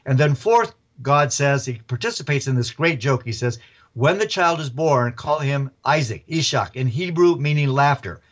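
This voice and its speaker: A man, an author and professor, telling stories as a radio interview guest in a lively, chuckling way. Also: medium pitch, moderate pace, highs cut off.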